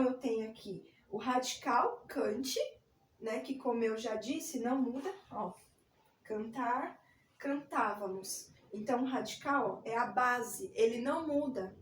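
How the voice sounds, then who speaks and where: A woman's voice: a little high, fairly bright tone, far from the mic, slight background noise. A woman teaching a recorded grammar lesson, patiently explaining step by step and spelling words out. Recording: echoey room, voice a bit off-mic.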